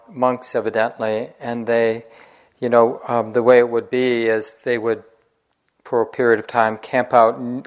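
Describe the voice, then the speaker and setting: Male meditation teacher, middle-pitched voice, easygoing conversational dharma talk. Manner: relaxed, conversational storytelling with light laughs.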